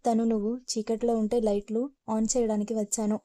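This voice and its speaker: A woman's voice: on the high side, little pitch movement, fairly quick, mellow, dry recording, close to an everyday voice. A woman reading the part of a pushy young lover. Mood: insistent. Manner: coaxing, pressing. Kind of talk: storybook reading.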